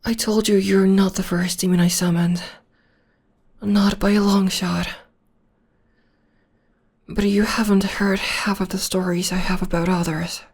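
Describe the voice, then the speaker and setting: In a close-mic ASMR roleplay, a female voice actor half-whispers as a gentle, devoted young witch girlfriend, breathy and slow at medium pitch with little pitch movement. Her soft comforting feels tender and reassuring.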